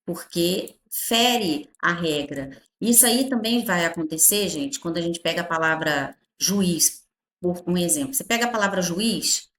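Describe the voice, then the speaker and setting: A Brazilian woman teacher explaining grammar in an animated way, stretching her words and checking in with the class often. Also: fairly low pitch, unhurried, reverberant, a little hiss or hum. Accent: Brazilian Portuguese.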